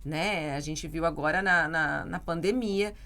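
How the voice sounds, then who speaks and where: A woman's voice: low voice, unhurried, pushed and bright, a little hiss or hum. A Brazilian woman English teacher co-hosting a podcast, chatting casually and explaining with examples and frequent tag questions.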